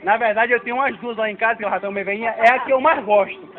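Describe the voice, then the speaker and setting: A man's voice: very high voice, steady tone, racing, music in the background. A man in his forties trading teasing jokes in casual banter, often repeating himself. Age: 40s. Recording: tinny phone-like recording.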